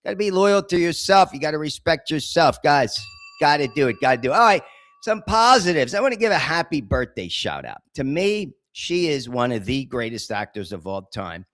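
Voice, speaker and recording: A man's voice: fairly high pitch, sing-song, normal speed, fairly bright tone, no room sound, studio quality. A man, hosting a podcast and telling a rambling, streetwise story in a casual monologue. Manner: chatty, rambling, streetwise with frequent asides. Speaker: podcast host.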